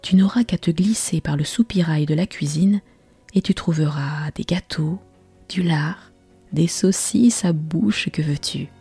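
A woman's voice: deep voice, unhurried, dark tone, slightly rough, dry recording, faint music behind, heavily acted. A woman voicing a tiny, plucky boy in a whispered bedtime storybook role-play, with eager exclaiming whispers. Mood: coaxing.

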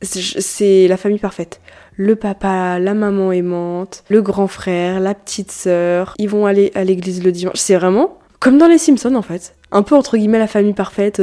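A woman's voice: mid-range voice, mellow. A young woman hosting her own podcast, chatting casually and correcting herself often as she rambles. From France. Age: about 19. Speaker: podcast host. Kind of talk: casual solo podcast chat.

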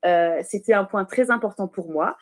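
On a podcast, a medium-pitched woman from a Portuguese family speaks as a guest, founder of a baby clothing brand. She walks through her product step by step in an earnest, explanatory way, often pausing to correct herself.

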